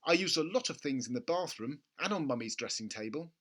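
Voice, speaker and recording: A male narrator puts on an earnest little boy from a storybook. The voice is raised and bright, softer than a shout, with a tentative, pleading way of questioning his father. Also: a little high, animated, fairly quick. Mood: hesitant.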